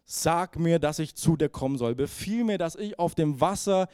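A frightened apostle cries out urgently, pleading to be called across the water, voiced by a preacher. The voice sits high, and it is recorded close and dry. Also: male voice, expressive, moderate pace, a little mellow, clear, resonant tone, dry recording, natural voice. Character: frightened male apostle calling out in a storm.

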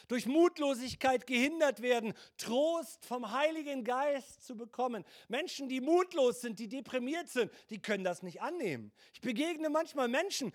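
A man, a pastor, preaching a sermon with emphatic delivery, rhetorical questions and shifts between loud and quiet. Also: very high voice. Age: older.

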